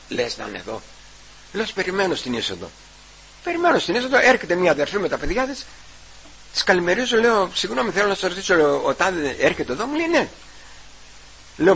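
A man giving a personal testimony at church. He retells the conversations and keeps repeating "I say" and "he says", with halting restarts. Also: high voice, a bit bright, breathy edge, low-quality recording.

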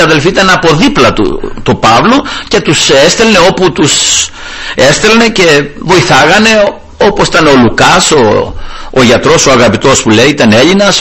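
Animated preacher with a lively voice. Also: male voice, fairly high pitch, slightly rough. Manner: animated retelling, often calling out to the brethren. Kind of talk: sermon.

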